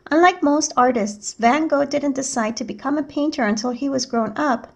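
With a high voice, this woman acts as a teacher sharing a picture book, narrating the story in a careful, measured way with crisp enunciation.

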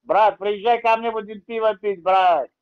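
A man with a high voice toys with a caller over the phone, playing dumb and dragging things out with playful chatter. The sound is muffled, like a phone line. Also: steady tone, moderate pace, smooth. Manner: playful, stalling, mock-naive. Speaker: prank call host. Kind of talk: phone prank chat.

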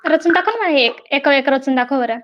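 A mother with a high, light voice plays with her toddler at home, gently coaxing and praising each small step. The recording is muffled and lo-fi. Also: normal speed, background noise. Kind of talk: live-streamed playtime talk with a small child.

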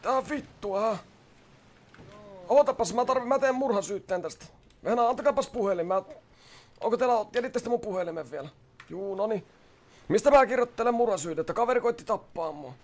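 A man playing a brash, foul-mouthed young criminal in a game roleplay, loud and frantic, swearing and threatening. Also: high-pitched, animated. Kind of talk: GTA roleplay, in-character shouting and swearing.

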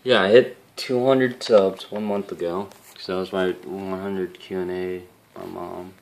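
A man's voice: low-pitched, fairly even intonation, measured pace, vocal fry, darkish tone, a little hiss or hum. A young man hosting his own gaming channel, talking to camera in a casual, rambling, profanity-heavy and emotional way. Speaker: YouTube gaming channel host.

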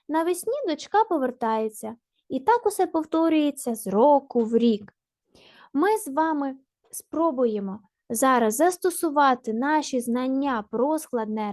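A woman's voice: high voice, a little mellow, dry recording, clean studio sound. A woman teacher giving a primary school language lesson, patient and encouraging, asking questions and answering them herself. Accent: Ukrainian.

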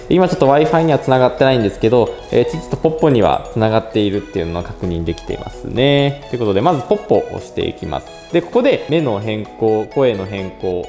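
A young man talks quickly through a phone app demonstration, thinking aloud as he narrates each step. His voice is mellow and lively, and it rings in an echoey room over faint music. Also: fairly low pitch. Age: young adult. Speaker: presenter of a robot pet channel.

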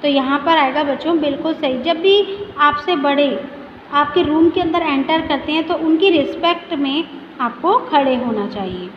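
A woman's voice: high voice, moderate pace. A woman teacher giving a recorded revision lesson to children. She explains each point in Hindi and often asks the class a question, then answers it herself. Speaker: school teacher. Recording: echoey room, dull lo-fi audio with faint noise.

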